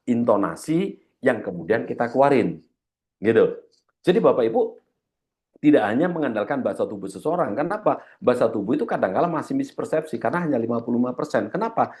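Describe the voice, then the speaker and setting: Animated male trainer with a slightly heavy voice. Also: medium pitch. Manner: addresses the audience often, repeats key points. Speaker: corporate trainer. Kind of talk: training seminar lecture.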